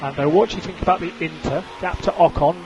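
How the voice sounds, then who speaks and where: Fast-talking and a little high-voiced, this race engineer issues clipped, businesslike instructions over team radio, saying key calls twice. The radio link is very noisy, with engine and vehicle noise throughout.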